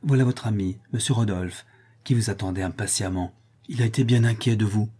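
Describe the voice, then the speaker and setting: A man voicing a tender, emotional noble lady in a soft, breathy, half-whispered manner, for an audiobook. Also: on the low side, a little fast. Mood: gentle. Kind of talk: audiobook reading.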